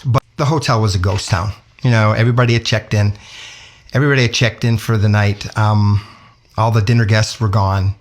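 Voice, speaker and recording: A man telling a personal anecdote in a casual, conversational way, with lively asides and self-corrections. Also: on the low side, a little fast. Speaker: storyteller. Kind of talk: casual spoken storytelling.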